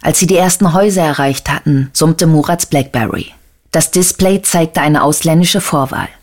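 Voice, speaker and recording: An audiobook narrator reading a crime novel with even, measured storytelling. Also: mid-range voice. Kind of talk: scripted narration.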